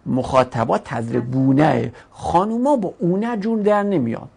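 Her voice is deep, creaky and husky, with a little mellowness. She's teaching grammar, putting questions to the class that she answers herself, and she brings grammar forms to life as characters who talk in their own voices.

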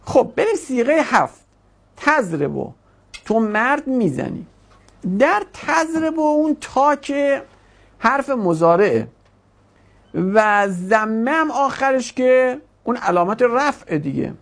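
A lively teacher runs a classroom grammar lesson, and the voice swings widely in pitch. It quizzes the students, then slows down and stretches out words to explain, with a gravelly edge running through the talk. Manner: questioning, drawn-out explaining.

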